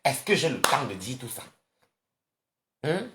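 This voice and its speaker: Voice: medium pitch, unhurried, noisy background. A speaker from Cameroon with a Cameroonian accent, ranting casually and confrontationally to viewers on a social media live stream. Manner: animated, rambling, confrontational, addresses viewers directly.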